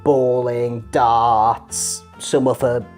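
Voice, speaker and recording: A man's voice: medium pitch, level tone, extremely slow, darkish tone, soft background music. A young man chatting casually in a vlog, laughing often as he shows things around. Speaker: vlogger.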